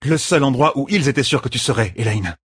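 A frank, teasing woman bodyguard, a seasoned fighter who mocks her queen without fear, as a man puts her on in an audiobook. The voice is raised above a low, husky tone and sounds close and dry. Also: expressive, fast talker, a bit bright, no room sound. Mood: blunt teasing. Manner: frank and mocking. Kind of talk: audiobook narration.

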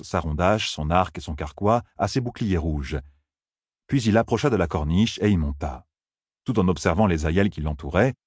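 A man narrating an audiobook in a steady, even reading manner. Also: deep voice, husky, no room sound, clean studio sound.

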